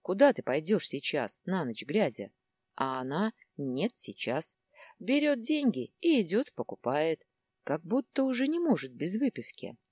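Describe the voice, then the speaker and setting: Female narrator voicing a fretful middle-aged husband, low and husky. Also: sing-song, measured pace, darkish tone, no echo, studio quality. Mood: worried. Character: middle-aged man, worried husband, complaining.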